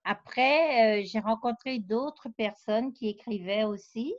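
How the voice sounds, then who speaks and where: A woman's voice: a little high, slow pace, dry recording. A woman researcher and novelist, interviewed, explaining her ideas at length with frequent hesitations. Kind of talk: conversational interview. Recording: dull lo-fi dry sound.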